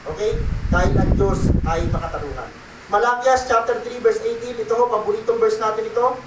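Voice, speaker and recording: Preaching briskly in a very high-pitched voice, a male pastor keeps asking "okay?" and drifts into English now and then, Taglish-style. The mic sits some way off in a roomy, echoey church, catching a soft hum of ambience around his sermon.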